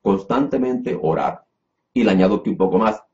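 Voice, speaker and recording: Lo-fi low-voiced man preaching. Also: expressive, fairly quick, a little mellow. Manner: repeats phrases, many restarts, addresses listeners as brother. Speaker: preacher teaching a class. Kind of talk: sermon-style Bible lesson. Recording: dull lo-fi recording.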